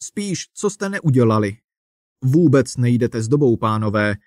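A man's voice: medium pitch, big pitch swings, a little mellow, no echo, studio quality, close to an everyday voice. A man doing a smug pushy manager. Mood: bossy. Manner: brisk, salesman-like, lecturing. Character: pushy male manager in striped suit, self-satisfied.

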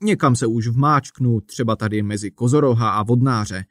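A man's voice: medium pitch, dry recording, close to an everyday voice. Smug bossy manager guy, a man reads him, salesman patter, dry close sound. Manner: brisk, salesman-like, lecturing. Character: pushy male manager in striped suit, self-satisfied.

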